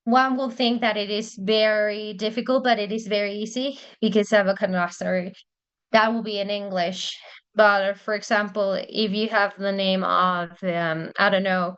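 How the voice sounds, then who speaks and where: A woman's voice: medium pitch, fairly even intonation, normal speed, a bit bright, clean tone, lo-fi sound. A woman whose first language is Spanish, explaining church interpreting in casual talk, hesitant with many fillers and restarts.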